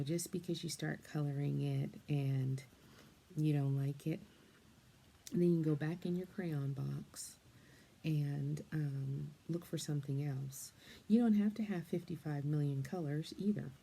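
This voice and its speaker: An older woman, soft-spoken and meandering, chatting as she colors and often slipping into a half-whisper. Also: low-pitched, creaky, a little hiss or hum. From England, then Canada and the United States. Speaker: storyteller and coloring host. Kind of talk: gentle chatty storytelling while coloring.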